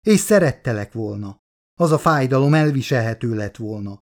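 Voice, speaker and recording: A man's voice: medium pitch, animated, natural voice. A man reading an audiobook, voicing a grieving, furious middle-aged mother who lashes out in a raised, accusing voice. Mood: anguished rage.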